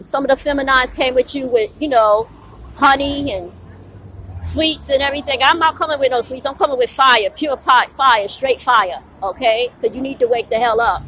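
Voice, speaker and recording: Fiery, preachy woman with a high voice. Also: poor audio. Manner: fiery, preachy, profane, drops rhetorical "right?" often. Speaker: vlogger. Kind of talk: blunt outdoor rant to camera. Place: outdoors at a bus stop with passing traffic.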